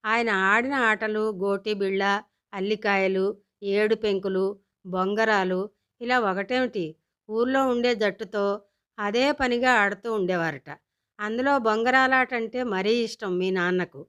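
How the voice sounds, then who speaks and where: A woman's voice: mid-range voice, unhurried, a bit bright, clear, resonant tone, natural voice. A woman voicing a wry, practical middle-aged mother in a storybook tale. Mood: sighing.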